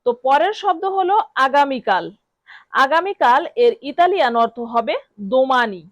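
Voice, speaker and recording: A woman with a Bengali accent, teaching a vocabulary lesson and repeating each word slowly for learners to copy. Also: high voice, expressive, no room sound. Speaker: language teacher. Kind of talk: instructional lesson.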